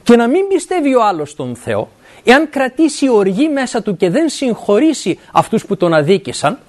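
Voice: mid-range voice, wildly swooping pitch, darkish tone. A middle-aged preacher giving an earnest sermon. The speaker often stops to ask "right?" and works scripture quotes into the talk. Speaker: university academic.

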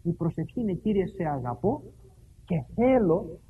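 Preacher, emphatic sermon style, very lively pitch; tinny, narrow-band recording. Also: slightly rough. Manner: emphatic, rises in pitch when quoting scripture; asks questions of the congregation. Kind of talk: sermon with psalm readings. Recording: phone-like thin sound with faint noise.

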